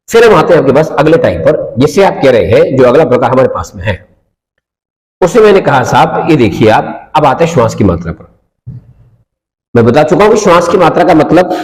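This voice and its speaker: A man teaching Hindi grammar in a classroom, explaining step by step and asking and answering his own questions, with a north Indian Hindi accent. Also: fairly high pitch. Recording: roomy echoing classroom with long reverb.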